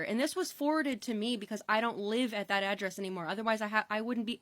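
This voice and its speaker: Woman, casual vlog, rambling and exasperated, a bit high, dry close mic. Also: pushed and bright, dry recording.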